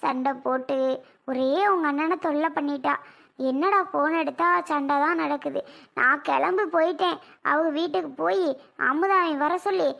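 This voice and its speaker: A woman's voice: high-pitched, steady tone, normal speed, creaky, fairly bright tone. A woman voicing an aging scolding cartoon mother. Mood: lamenting. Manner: scolding, pleading, lamenting. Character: older mother, lecturing and grieving over her son. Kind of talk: cartoon voice acting.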